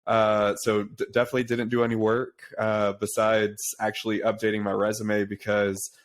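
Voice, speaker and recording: Low, flat-voiced young man chatting. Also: normal speed. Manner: relaxed, chatty, says "dude" and "uh" often. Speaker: podcast host, pharma sales rep. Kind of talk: casual podcast conversation. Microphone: remote call.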